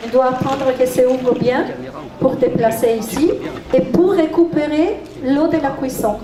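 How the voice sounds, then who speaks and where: An Italian woman with an Italian accent explains a recipe during a live cooking demonstration in foreign-sounding, imperfect French. Her voice is high-pitched and steady, at a normal speed, recorded in an echoey room with crowd noise.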